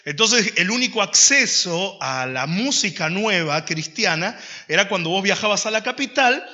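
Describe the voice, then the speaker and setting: A young man, a pastor, preaching a lively sermon to his congregation with a strong, powerful voice and jokes along the way. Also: high voice, normal speed, muffled recording. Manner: animated storytelling with jokes and laughter. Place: church hall. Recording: long church-hall reverb.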